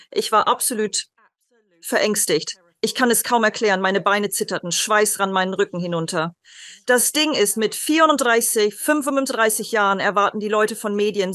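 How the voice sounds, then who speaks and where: A woman's voice: medium pitch, a bit bright, dry recording. A woman from Britain, a psychic medium, telling personal stories in an interview and acting out the quoted dialogue.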